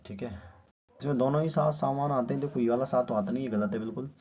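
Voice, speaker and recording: A man teaching an exam-prep spelling lesson in a casual way, slowly repeating words for emphasis. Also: mid-range voice, steady tone, mellow, slightly rough. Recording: dull lo-fi recording.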